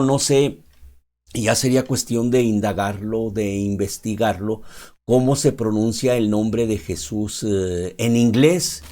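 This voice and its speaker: A man's voice: medium pitch, mellow. A man giving an unscripted sermon, talking in a loose, conversational way and often checking in with his listeners. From Mexico. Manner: conversational, keeps asking "¿verdad?" and pausing with "este". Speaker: preacher.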